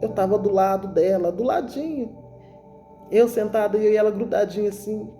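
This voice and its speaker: Warm-voiced woman giving testimony. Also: medium pitch, normal speed, faint music behind. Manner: emotional storytelling addressing listeners as brothers. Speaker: testimony speaker. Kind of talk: religious testimony.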